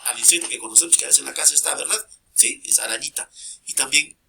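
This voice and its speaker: Bright-voiced male teacher. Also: mid-range voice, fast, creaky, a little hiss or hum. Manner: checks in constantly with short tag questions; repeats key terms emphatically. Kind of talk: recorded grammar lesson.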